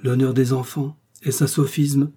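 A man reading the lines of a gentle widowed countess who speaks in a soft, even voice. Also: medium pitch, moderate pace, husky, natural voice. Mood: gentle persuasion. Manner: soft and unmodulated.

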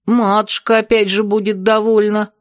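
A woman voicing a big, nosy young bride who drawls her prying questions slowly. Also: mid-range voice, flat delivery, no echo, studio quality, lightly acted. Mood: dreamy.

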